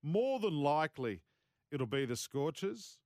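A man's voice: a little high, sing-song, unhurried, darkish tone, dry recording, studio quality. A man with an Australian accent hosting casual sports talk. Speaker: sports radio host.

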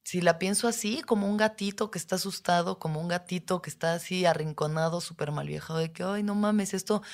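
A woman's voice: fairly low pitch, fairly even intonation, fast talker. A woman with a Mexican accent, hosting a podcast and talking candidly about her feelings in casual, slang-filled speech. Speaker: podcast host. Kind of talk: personal reflective monologue.

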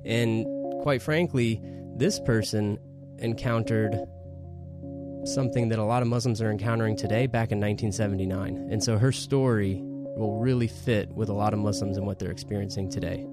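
A man co-hosting a podcast, casually retelling a story in a relaxed, chatty way. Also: fairly low pitch, normal speed, loud music behind the voice. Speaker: podcast co-host.

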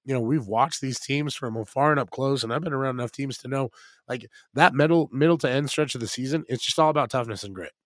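An American man with a hoarse, smoky rasp co-hosts a sports podcast, talking casually and emphatically as he thinks aloud. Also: mid-range voice, fast, no room sound, studio quality. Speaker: sports podcast co-host and football analyst.

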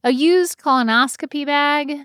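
A woman co-hosting a comedy podcast in casual chat, reading list items aloud in an animated way and laughing often. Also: high-pitched, normal speed, dry recording, studio quality. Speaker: podcast co-host.

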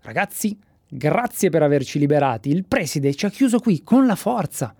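A storyteller voicing a kindly male doctor and former professor who speaks calmly and reassuringly. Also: mid-range voice, moderate pace, no echo, clean studio sound. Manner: calm, reassuring speechmaking.

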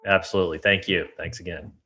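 A man speaking as a guest in a casual interview, upbeat and energetic, often restarting his sentences. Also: low voice, fast. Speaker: podcast guest.

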